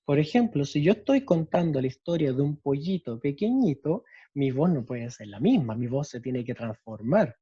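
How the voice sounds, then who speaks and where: Chilean man, teacher, explanatory lecture, husky voice, dull lo-fi sound. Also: a little high, animated, normal speed, few pauses, dark tone, no echo. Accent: Chilean Spanish. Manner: explanatory, peppered with "¿cierto?" tag questions. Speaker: special education teacher. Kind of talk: lecture on storytelling.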